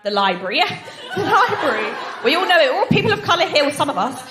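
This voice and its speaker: Girl doing standup, kinda high voice, chatty, snorts when she laughs, echoey noisy venue. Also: sing-song, fast talker, a crowd in the background. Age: 20s. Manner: giggles and snorts while laughing; chatty, addresses the audience with frequent tag questions. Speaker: stand-up comedian. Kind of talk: live stand-up comedy. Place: stage at a live comedy night. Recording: echoey live venue with background noise.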